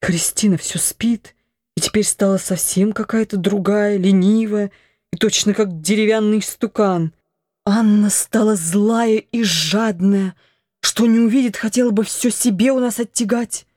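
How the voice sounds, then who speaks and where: A woman reading an audiobook, voicing a weary old noble mother who slowly laments her family's troubles. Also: medium pitch, a little mellow, no room sound, clean studio sound, natural voice. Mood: lamenting. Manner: mournful, slow complaining.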